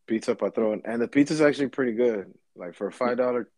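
A laid-back comedian chatting casually, swearing often and trailing off with fillers. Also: male voice, mid-range voice, fast, darkish tone, no echo. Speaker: comedian guest. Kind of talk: casual podcast chat.

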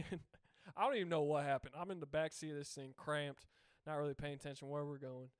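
A man's voice: a little high, steady tone, a little fast, clean tone, no room sound, clean studio sound. A young man co-hosting a casual podcast, telling stories and laughing often. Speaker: podcast co-host.

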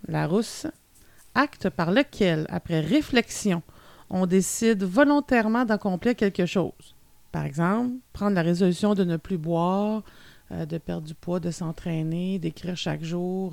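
Québécois woman with a gravelly voice. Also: lowish voice, normal speed, darkish tone, dry recording. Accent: Québécois French. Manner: reads definitions aloud, chatty with fillers. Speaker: podcast co-host. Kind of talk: casual chat.

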